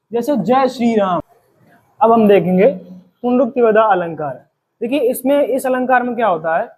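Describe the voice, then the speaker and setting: Husky high-voiced man teaching grammar. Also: low-quality recording. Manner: explains by asking and answering his own questions; slows down to recite example verses. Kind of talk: Hindi grammar lesson.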